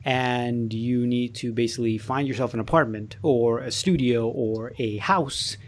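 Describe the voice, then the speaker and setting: A man's voice: medium pitch, steady tone, unhurried. A young man from Aruba hosting a casual podcast, rambling, swearing and laughing often. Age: young adult. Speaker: podcast host. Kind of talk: casual chat.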